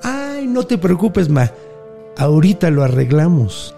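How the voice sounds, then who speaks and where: A man's voice: a little high, sing-song, a little slow, vocal fry, dark tone, soft background music, exaggerated voice. A man voicing a young male hero who talks in an eager, slangy, offhand way. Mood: upbeat casual.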